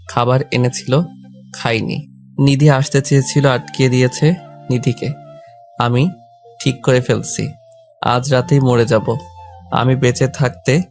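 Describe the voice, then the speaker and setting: A man with a medium-pitched, slightly mellow voice narrates a scripted first-person story in which he is also the lead character. Music plays beneath his voice.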